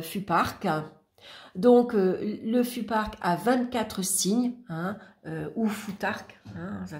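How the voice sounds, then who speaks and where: A woman's voice: on the low side, a little mellow. A woman giving a casual flip-through review of a workbook, talking in a chatty way with many fillers and restarts. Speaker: YouTuber reviewing a spiritual workbook.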